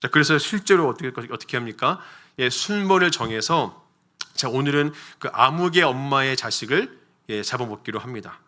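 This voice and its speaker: Male pastor, sermon delivery, bright forceful tone, habitual "자" fillers, asks the congregation questions. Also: medium pitch, animated, normal speed. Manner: frequent fillers "자" and "예", storytelling with rhetorical questions. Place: church sanctuary.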